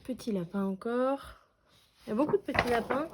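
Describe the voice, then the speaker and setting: A woman's voice: fairly high pitch, brisk. A woman chatting casually as she unboxes scrapbooking paper, enthusiastic and full of fillers. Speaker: scrapbooking vlogger. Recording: noisy room with paper crinkling.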